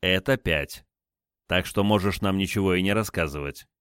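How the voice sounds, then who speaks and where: A hard wartime interrogator lays out threats slowly and coldly, read by a man. His voice is very deep and the sound is dry. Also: a bit bright, clean tone, no room sound. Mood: menacing. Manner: cold, threatening, deliberate. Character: stern male wartime counterintelligence interrogator.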